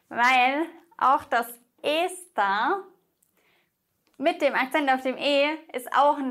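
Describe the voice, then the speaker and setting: A young woman teaching a language lesson online, speaking slowly and clearly straight to the viewer. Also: high-pitched, fairly bright tone. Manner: slow, clear, addresses viewer directly. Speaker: Spanish teacher.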